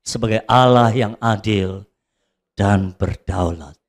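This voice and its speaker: A male pastor preaching a sermon, asking the congregation rhetorical questions and swinging between quiet talk and shouted answers. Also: lowish voice, takes it slowly.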